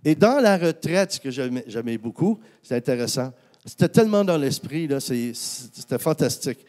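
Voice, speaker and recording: Recounting a personal story in a sermon, this Québécois-accented male pastor speaks at a moderate pace in a mid-range voice. He's animated, full of fillers and frequent restarts.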